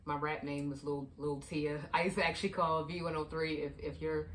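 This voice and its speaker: A young adult woman from Baltimore, a life coach, chats casually in an advice vlog, telling stories about healing your inner child and often saying "you know what I mean." Her low voice is flat and fairly quick, caught on a distant mic with slight background noise.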